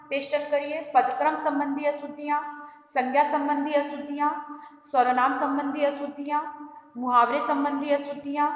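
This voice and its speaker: A woman teacher giving a grammar lesson, explaining slowly, repeating examples and speaking to the children. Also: sits high, a bit bright. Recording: echoey room with long reverb.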